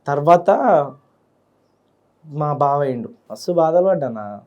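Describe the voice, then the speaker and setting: A man's voice: fairly high pitch, expressive, measured pace, a little mellow. Emotional young man. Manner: heartfelt, repeats words when stirred. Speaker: student leader guest. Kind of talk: emotional interview.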